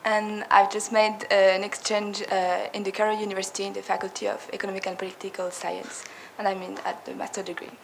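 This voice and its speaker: A woman's voice: mid-range voice, flat delivery, fast, creaky, few pauses. A woman from France working as an intern, introducing herself to a workshop group in a brief, slightly hesitant way. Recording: noisy room ambience.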